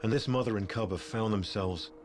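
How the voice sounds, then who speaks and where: Low-voiced man narrating a nature documentary. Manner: measured, storytelling delivery. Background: background music.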